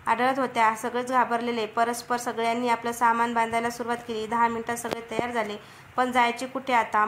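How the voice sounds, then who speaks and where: Woman narrating a story, flat delivery. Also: a little high, slight background noise.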